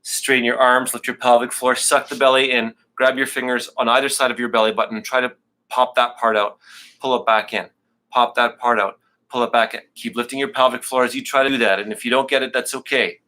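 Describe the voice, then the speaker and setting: His mid-range voice barely moves in pitch, and he talks briskly with a pushed, bright sound. He's instructing a live online yoga class, giving breathing cues in a relaxed, jokey way while a little out of breath.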